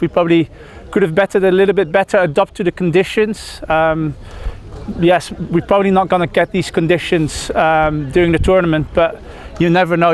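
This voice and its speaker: A high-pitched Dutch cricketer in his thirties gives a press interview outdoors. He sounds hesitant, using many fillers and restarts.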